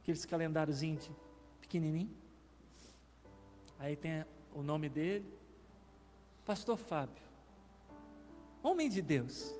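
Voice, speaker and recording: A man's voice: fairly high pitch, darkish tone, long reverb tail. A male pastor with a Brazilian Portuguese accent, telling a testimony in a sermon, with emotional swells. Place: church.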